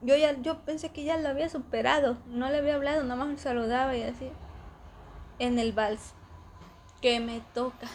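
Speaking at a normal speed in a voice that sits high, a young woman with a Mexican Spanish accent chats to a friend through a story. She's lively, laughs a lot, and imitates the voices of the characters, while a faint hiss or hum runs underneath.

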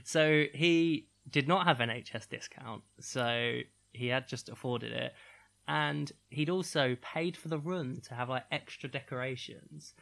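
Gravelly British man telling a story. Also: mid-range voice, a little slow. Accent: British English. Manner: animated storyteller, laughs often, mimics voices. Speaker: podcast co-host. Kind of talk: casual chat.

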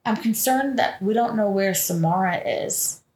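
A woman's voice: medium pitch, unhurried, a little mellow, a little hiss or hum. A woman co-hosting a podcast, chatting casually as she recaps a film and acts out the characters' lines. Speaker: podcast co-host. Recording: roomy echo.

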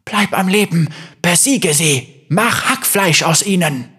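A man's voice: high voice, expressive, takes it slowly, pushed and bright, slightly rough, voice pushed up, heavily acted. A man voicing an earnest, shaken young woman soldier in a storybook reading, pleading and strained. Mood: fierce.

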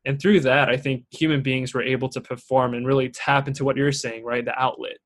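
A podcast host who grew up in Singapore and Shanghai leads a relaxed, casual interview chat, talking earnestly and warmly encouraging his listeners. His voice is mid-range and a little fast, picking up speed when he gets animated.

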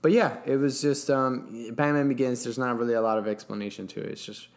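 A man co-hosting a podcast, chatting eagerly and often pausing with ums and uhs. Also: medium pitch, fairly even intonation. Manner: enthusiastic, hesitant with many ums. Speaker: podcast co-host. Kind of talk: casual chat.

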